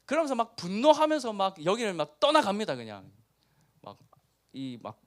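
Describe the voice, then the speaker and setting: A middle-aged pastor from Busan, speaking with a Busan dialect and preaching a lively youth sermon that acts out the story's characters. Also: male voice, high-pitched, moderate pace. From Busan, South Korea. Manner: animated storytelling, acting out characters.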